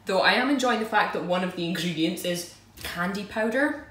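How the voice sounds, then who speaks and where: A woman's voice: medium pitch, lively intonation, fairly quick, a bit bright. A woman chatting casually as she unboxes and tastes snacks, self-deprecating and giggly. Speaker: food vlogger. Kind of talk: casual unboxing and tasting review. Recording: roomy echo, mic at a distance, faint noise.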